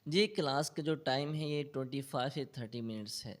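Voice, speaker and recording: A man with a Pakistani Urdu accent, a Quran tutor answering interview questions and explaining tajweed patiently. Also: medium pitch. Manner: recites in slow melodic chant; explains patiently with English loanwords.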